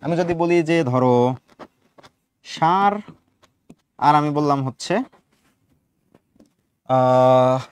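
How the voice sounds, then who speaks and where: A man's voice: medium pitch, steady tone, slow, pauses often, clear, resonant tone, no echo. A man teaching an online class, explaining step by step in a casual manner and drawing out sounds as examples. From Bangladesh. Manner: colloquial, mixes in English words. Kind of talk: online lecture for students.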